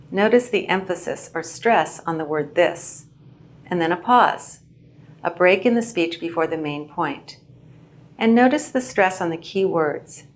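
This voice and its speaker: A woman instructor giving a clear, measured lesson on how to present well. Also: lowish voice. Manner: clear, measured teaching delivery. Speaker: English language instructor. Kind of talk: instructional video narration.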